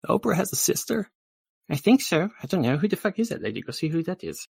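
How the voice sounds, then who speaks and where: A man voicing a brash male political candidate in improv comedy, rambling through a crude campaign pitch. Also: big pitch swings, quick pace, gravelly, husky, no echo, exaggerated voice. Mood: blustering.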